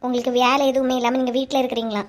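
A woman's voice: high voice, level tone, racing, natural voice. A woman voicing a blunt, complaining young daughter-in-law with a Kanyakumari Tamil accent in a cartoon story.

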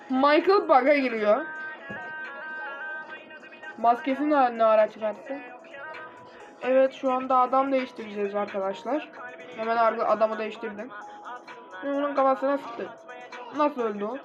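A young man casually commenting on his mobile gameplay, excitable and quick to get frustrated, talking straight to his viewers. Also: very high voice. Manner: excitable, easily frustrated, talks to viewers directly. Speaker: gaming channel host. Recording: dull lo-fi recording with faint game music.

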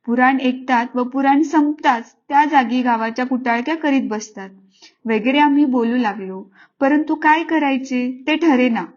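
A woman narrating a classic storybook in a gentle, expressive reading voice. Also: high voice, moderate pace. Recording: slightly muffled lo-fi.

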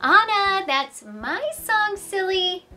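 A woman's voice: very high voice, sing-song, takes it slowly, bright, forceful tone, faint music behind, heavily acted. A woman playing a flustered princess stuck in her sister's body, catching and correcting her own slips in a live-action play-acting skit. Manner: flustered, stumbling, self-correcting.

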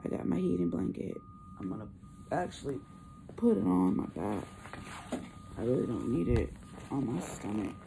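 A young woman chatting casually to camera, weak after surgery, with a hoarse, partly lost voice and a subdued, halting, effortful delivery. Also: a bass voice, very animated. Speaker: vlogger. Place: small hospital room, indoors. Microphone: phone at arm's length. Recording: noisy hospital room phone recording.

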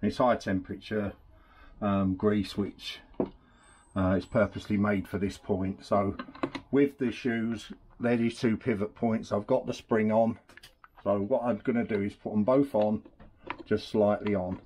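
A little hiss or hum runs under this recording of a scooter mechanic whose lowish voice moves a bit slowly. He walks through a rebuild at an indoor workbench in a relaxed, chatty way, hands at work, while the camera rests on the bench and he stands to its side.

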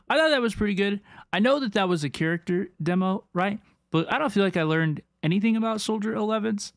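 A young woman hosts a reaction video, speaking into a close microphone with casual, slangy enthusiasm and repeating words for emphasis. Her voice is medium-pitched with no echo, and video game trailer music plays behind her.

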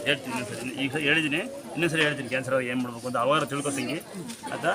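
A man's voice: mid-range voice, steady tone, very fast. A man at a temple giving blessings and home remedies to devotees, commanding and repeating his instructions. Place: outdoor temple grounds among devotees. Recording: crowd noise around.

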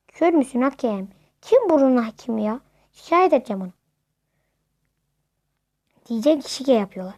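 A woman commentating on her own football video game in a casual, running chat. Her voice sits high, and she gets excitable, shouting at the referee and cheering on her players. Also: no room sound. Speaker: gamer.

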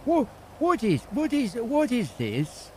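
A man's voice: very high-pitched, wildly swooping pitch, slow, mellow, a little hiss or hum, exaggerated voice. A man with a younger voice faking an old British grandfather, rambling and stammering through tall tales in improvised role-play. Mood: confused.

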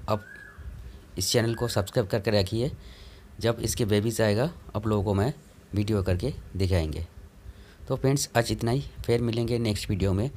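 A man's voice: lowish voice, a little mellow, a little hiss or hum. A man hosting his channel, giving a plain step-by-step how-to narration about setting up a tank. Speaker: channel host.

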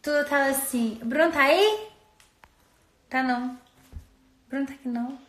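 High, chatty woman in a roomy echo. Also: normal speed, fairly bright tone. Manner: chatty, rambling, playful. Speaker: social media influencer. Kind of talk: casual phone stories chat.

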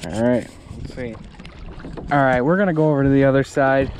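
A young fishing vlogger narrates casually to viewers while fishing from a kayak on a lake, filmed on a head-mounted action camera. His medium-pitched voice is fairly quick, relaxed, and chatty, with a little hiss or hum.

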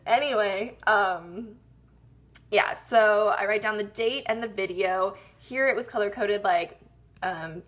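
A woman's voice: medium pitch, fairly bright tone. Chatty young woman with Wisconsin twang. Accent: Wisconsin, slipping in at times. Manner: chatty and rambling, with frequent ums and laughs at herself. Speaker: YouTube vlogger. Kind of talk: casual planner walkthrough vlog.

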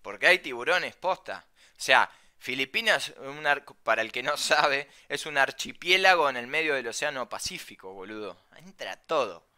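Young man, Rioplatense accent, casual anecdote, slangy and animated, bright clear voice. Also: medium pitch, moderate pace. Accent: Rioplatense Spanish. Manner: slangy, animated, swears freely. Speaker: storyteller.

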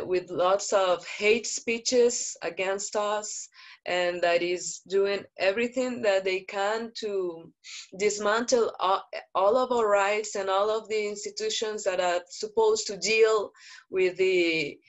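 Speaking from an indoor room via video call, a woman activist from Brazil gives a panel talk in a mid-range voice. A native Portuguese speaker, she's slow, earnest, and measured, with frequent pauses and fillers.

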